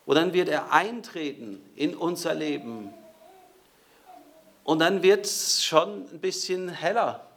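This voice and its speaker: A man's voice: fairly high pitch, animated, slow. A man preaching a sermon in a conversational way, speaking directly to his listeners.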